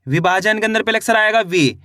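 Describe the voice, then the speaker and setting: A man's voice: high-pitched, expressive, brisk, sharp tone, dry recording, studio quality. A man teaching children to read, sounding out each word syllable by syllable and repeating it patiently. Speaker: Hindi reading teacher. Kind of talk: slow spelling lesson, syllable by syllable.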